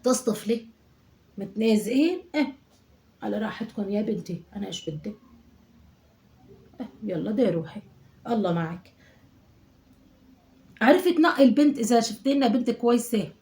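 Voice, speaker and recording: Woman doing a self-pitying aleppo mom in her 60s, rattles on quick, scolds then mutters prayers, aleppo syrian arabic accent. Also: on the high side, expressive, mellow. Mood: fussing. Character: chatty older Aleppo mother, nagging and self-pitying. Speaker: sketch performer. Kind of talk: comic monologue sketch.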